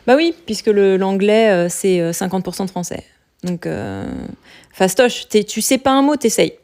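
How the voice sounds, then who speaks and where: On a podcast about living abroad, a French woman talks about her life as an expat in a chatty way, with many fillers and restarts, laughing easily. She speaks at normal speed in a medium-pitched, very animated and slightly mellow voice.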